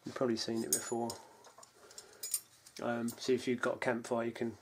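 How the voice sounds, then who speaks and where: A British bushcraft hobbyist casually runs through his kit, unscripted, low-key and halting, as if thinking aloud, in a monotone. He's indoors on a wooden floor at home, caught by a camera mic a short distance away. The home video is noisy, with clicks and clatter from the gear he handles.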